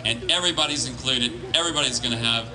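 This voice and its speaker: A plain-spoken man giving an informal political speech as a campaign organiser, with halting restarts. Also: mid-range voice, low-quality recording. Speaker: campaign organiser addressing volunteers. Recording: crowd noise behind live speech. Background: crowd.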